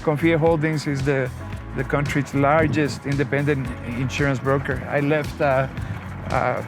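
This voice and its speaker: A man's voice: mid-range voice, flat delivery, unhurried. A man from Costa Rica, a guest telling his story in a friendly, talkative way. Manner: friendly, talkative, many restarts. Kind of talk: conversational interview. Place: outdoors in a vehicle. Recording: music playing behind.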